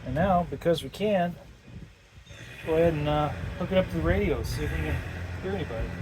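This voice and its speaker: Recorded outdoors amid vehicle-like background noise, this man is a ham radio operator and video maker running an informal hands-on demo and placing radio calls. He speaks briskly in a voice on the higher side.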